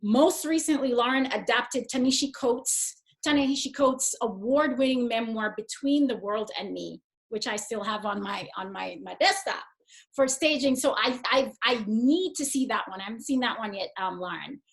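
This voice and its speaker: A woman moderating a college talk, speaking thoughtfully and pausing often to search for words before reading out a guest's bio. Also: a little high, rough recording. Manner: thoughtful, searching for words, frequent restarts and fillers. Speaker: event moderator.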